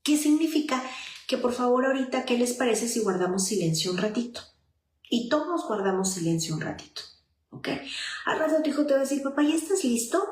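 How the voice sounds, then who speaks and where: A woman's voice: a little high, lively intonation, a little fast, darkish tone. A woman child psychologist, giving conversational advice to parents and often checking in with her listeners. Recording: roomy echo.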